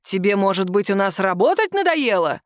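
A woman voicing an angry, bullying male office boss who growls and shouts slowly. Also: mid-range voice, animated, no room sound, clean studio sound, close to an everyday voice. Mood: furious.

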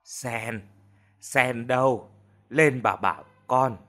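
A man voicing a stern mother who berates her grown son in a sharp, cutting way. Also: lowish voice, big pitch swings, a little slow, heavily acted.

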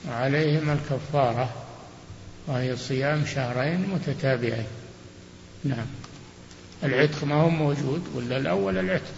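Gravelly man giving firm short rulings. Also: on the high side. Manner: short, firm rulings, often closing with "na'am". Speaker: sheikh answering religious questions. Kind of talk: lecture question-and-answer rulings. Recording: roomy, dull old hall recording with faint hiss.

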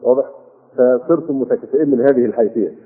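An older man with an Egyptian Arabic accent giving a Quran commentary lesson, explaining with rhetorical questions and drawn-out fillers. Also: mid-range voice. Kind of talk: classroom tafsir lesson. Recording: phone-like husky lo-fi.

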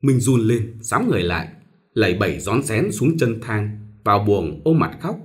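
A man narrating a novel aloud with an expressive, dramatic reading. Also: on the low side, normal speed. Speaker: audiobook narrator.

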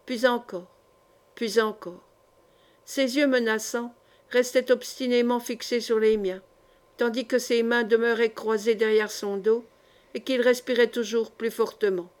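A woman narrating a classic short story in a measured, dramatic way. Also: on the high side. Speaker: audiobook reader. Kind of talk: literary narration.

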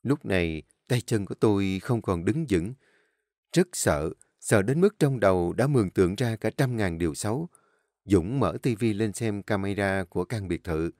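A man narrating a first-person audio story with a measured, emotional reading. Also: lowish voice, expressive, no room sound, clean studio sound. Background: soft instrumental music.

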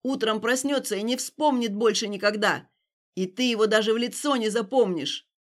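A woman reading an audiobook, voicing a cold, manipulative young man who speaks flatly and breaks into shouting. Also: on the low side, brisk, voice pushed down, close to an everyday voice. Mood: shouting, furious. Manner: flat and detached, then shouting.

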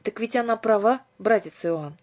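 A woman voicing a soft-hearted male guardian angel who speaks gently and apologetically, with a breathy voice. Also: medium pitch, normal speed, no room sound, pitched above the performer's own voice, lightly acted. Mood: apologetic.

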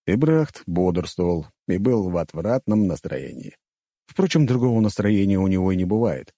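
Male audiobook narrator, low voice, mellow, measured, dry studio sound. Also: very animated, no room sound. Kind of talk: scripted first-person fantasy narration.

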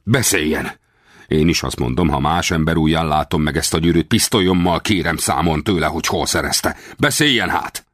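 A man voicing an excitable, commanding middle-aged frontiersman who fires off urgent, demanding questions. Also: very deep voice, no echo, studio quality.

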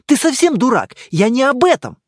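A man voicing an angry, scornful young woman who shouts at her boyfriend as she leaves him. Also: high voice, animated, moderate pace, no echo, clean studio sound. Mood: exasperated.

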